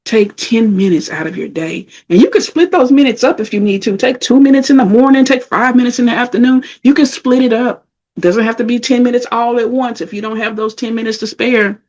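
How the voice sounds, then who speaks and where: Middle-aged woman, husky voice, emphatic self-care talk speaker, dull lo-fi recording. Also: on the high side, brisk, a little mellow. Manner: emphatic, repetitive, conversational.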